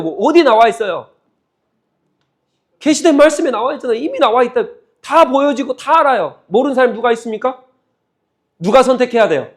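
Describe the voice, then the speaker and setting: A man preaching a sermon in church, emphatic and fond of rhetorical questions, rising to loud exhortation. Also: high voice. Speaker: pastor.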